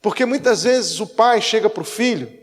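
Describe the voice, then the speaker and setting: A man's voice: high-pitched, lively intonation, moderate pace. A man with a Brazilian Portuguese accent, a pastor preaching a conversational sermon with acted-out anecdotes, in a church. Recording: echoey church hall.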